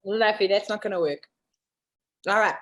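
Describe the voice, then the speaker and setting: A woman hosting a casual live online talk show, bossy and teasing, quick to laugh. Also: mid-range voice, a bit bright. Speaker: host. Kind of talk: casual chat.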